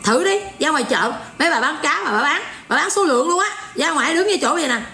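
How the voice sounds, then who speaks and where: A high, bright-voiced woman in her forties with a Southern Vietnamese accent rants in mocking, scolding commentary. Her sharp tone bounces around an echoey room. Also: animated, quick pace, a little hiss or hum. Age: 40s. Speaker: online commentator. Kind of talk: ranting livestream commentary.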